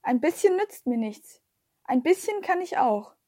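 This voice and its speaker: A woman puts on a grumpy old man who is half-deaf and half-lame. His croaky voice comes out gruff and commanding, and he snaps out short orders and complaints. The recording is close and dry. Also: high-pitched, big pitch swings, measured pace, mellow, dry recording. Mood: disappointed.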